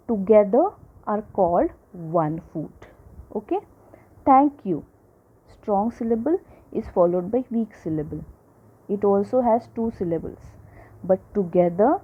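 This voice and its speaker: A woman teaching a lesson to children, slowly repeating each example and checking in with her listeners. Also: medium pitch, husky. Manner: slow, repeats examples, checks in with "right?" and "okay?". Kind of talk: classroom lecture. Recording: tinny phone-like audio.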